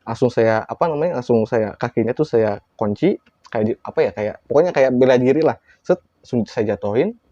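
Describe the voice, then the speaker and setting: A man telling a horror story in a casual, lively way, acting out quoted lines with big jumps in his voice. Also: mid-range voice, brisk, dry recording, lo-fi sound.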